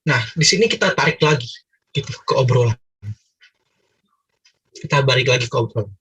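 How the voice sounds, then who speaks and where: A man's voice: medium pitch, lively intonation, moderate pace, a bit bright, breathy edge, far from the mic, rough recording. A man from Manado leading a casual Bible discussion for a cell group, chatty and teasing with many fillers.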